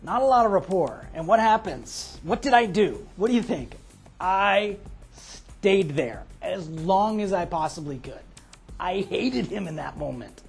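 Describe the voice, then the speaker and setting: A man hosting a motivational lesson, telling a story with lively, dramatic delivery. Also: high voice, measured pace, gravelly, faint music behind. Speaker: motivational host.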